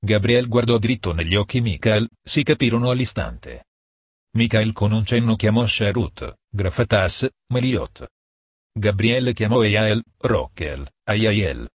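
A man reading a novel aloud as narrator, in a steady, measured way. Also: fairly low pitch, husky, dry recording, clean studio sound. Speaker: audiobook narrator. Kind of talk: scripted narration.

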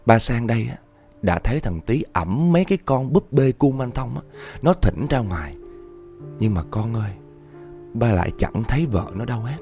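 A man's voice: mid-range voice, very animated, moderate pace, mellow, faint music behind. A man telling a horror story dramatically, addressing his listeners directly.

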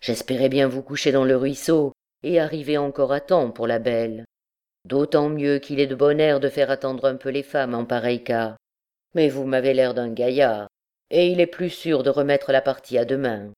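A woman's voice: rumbling low, normal speed, mellow, smooth. A woman reading an audiobook, voicing a flippant, hot-tempered young army captain who talks boastfully. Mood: jaunty.

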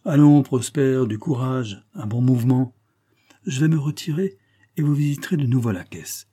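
A man's voice: mid-range voice, normal speed, husky, pitched above the performer's own voice, natural voice. A man doing an indignant old-school banker. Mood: coaxing. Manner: forceful, raised and vibrant voice. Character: indignant middle-aged male banker, stern and pleading.

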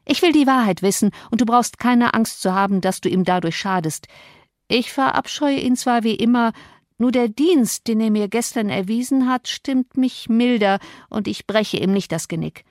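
A woman's voice: a little high, normal speed, darkish tone, no room sound, clean studio sound, pitched above the performer's own voice, natural voice. A woman reading the part of a harsh, sneering young man who rules the house. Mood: blustering. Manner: blustering, sneering.

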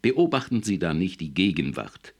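A man's voice: deep voice, sing-song, moderate pace, darkish tone, full character voice. A man reading an audiobook, voicing a cold, stern male official who questions and lectures in a cool, probing manner. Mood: lecturing.

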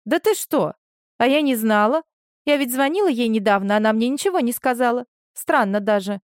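A woman's voice: a little high, fairly quick, no echo, studio quality, voice pushed up, natural voice. A woman voicing a chatty female friend talking on the phone. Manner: lively, gossipy.

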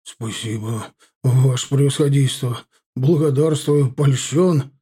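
A grey-haired provincial official, booming, bustling and effusively servile, as a male audiobook narrator puts him on. His voice is loud and mellow, with a husky edge. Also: a little slow.

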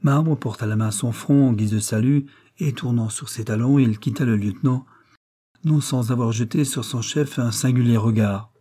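A man narrates a classic novel with a mellow, dark voice at an ordinary middle pitch. His reading is measured, and he lifts his tone for the characters' lines. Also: breathy edge. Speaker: audiobook narrator.

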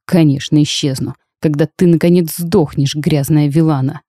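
A woman's voice: normal speed, warm tone, no echo, studio quality. Woman voicing a hissing, scornful male demon. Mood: menacing. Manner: contemptuous, hissing low threats.

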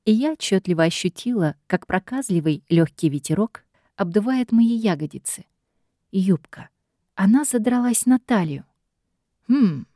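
A woman reads first-person fiction aloud with expressive, ironic storytelling. Her voice is warm and mellow. The recording is dry and close. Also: mid-range voice, normal speed, no room sound. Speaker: audiobook narrator.

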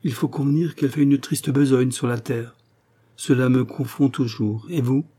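A man's voice: medium pitch, fairly even intonation, moderate pace, warm tone, husky, natural voice. A man voicing a shy, naive young clerk who dreams of solitude. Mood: earnest. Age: young adult.

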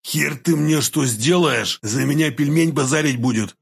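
A man's voice: fairly high pitch, normal speed, gravelly, breathy edge, voice pushed up. A man doing a snarling ex-convict. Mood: defiant. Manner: swearing, snarling threats. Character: threatening rough ex-convict man.

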